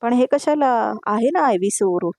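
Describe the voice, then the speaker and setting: A woman's voice: on the high side, lively intonation, normal speed, a little mellow, no echo, clean studio sound, voice pushed up. A woman doing a frantic young schemer. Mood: suspicious.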